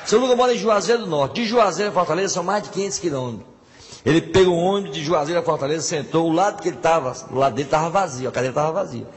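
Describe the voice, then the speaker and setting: A man telling a string of jokes, leaping into high exaggerated voices for the characters. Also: racing, a little hiss or hum. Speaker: joke teller. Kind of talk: telling jokes to a live audience.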